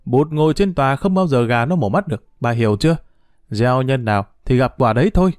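A man voicing a brash young daughter-in-law in an audio story, sneering in quick, sharp bursts. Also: mid-range voice, lively intonation, no room sound, studio quality, lightly acted. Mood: spiteful.

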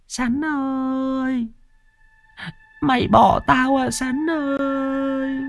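A man narrating a horror story in a lively, vivid way. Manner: lively, vivid telling with varied pitch.

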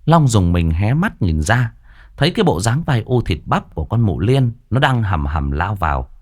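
Man, horror story narration, colloquial, low, animated pitch. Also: normal speed.

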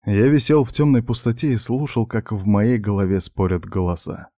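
Guy reading an audiobook, low and warm, dry close sound. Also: steady tone, moderate pace, dry recording. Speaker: audiobook narrator. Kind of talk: scripted first-person narration.

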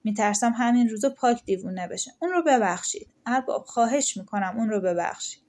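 Woman doing a sly peasant guy smoothing things over, higher voice, folktale audiobook. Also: darkish tone, close to an everyday voice. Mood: pleading. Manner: pleading, persuasive. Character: shrewd calm peasant husband, cautious.

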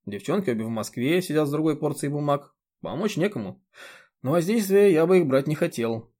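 Dry, mocking schemer with a raised pitch, voiced by a male narrator. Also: lively intonation, fairly quick, warm tone. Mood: planning. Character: wry scheming man called the Violinist.

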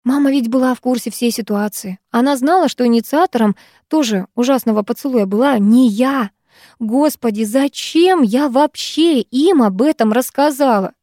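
A woman narrating a first-person audiobook in an expressive, emotional way. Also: fairly high pitch, normal speed, dry recording, studio quality.

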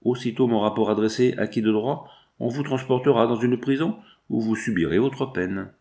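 A man reading as a calm asylum doctor. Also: mid-range voice, moderate pace, close to an everyday voice. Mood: matter-of-fact.

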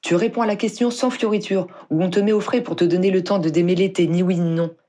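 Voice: mid-range voice, quick pace, darkish tone, pitched above the performer's own voice, natural voice. Reader doing a curt, bossy female wizard cop. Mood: brusque. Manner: curt, commanding. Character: blunt tough female wizard officer, impatient.

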